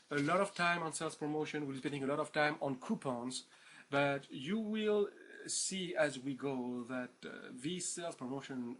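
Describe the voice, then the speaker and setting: With a French accent, a man records an informal, playful introduction to an online course, packed with fillers and repeated words, and he keeps tacking on "right?" to seek agreement. His mid-range voice has a fairly bright tone, with slight background noise.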